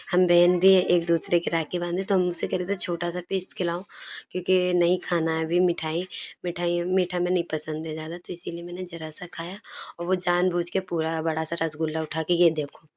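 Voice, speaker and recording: A young woman talks over her family video in a relaxed, chatty way. Her voice sits low and stays fairly even in pitch, with little rise and fall. Now and then a soft laugh slips into her telling. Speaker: vlogger.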